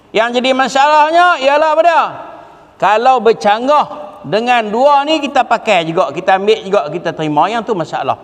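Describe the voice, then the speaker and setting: High-voiced preacher in a hall. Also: male voice. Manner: lively, rhetorical questions, breaks into quoted Arabic. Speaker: religious teacher. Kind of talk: sermon. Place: religious hall.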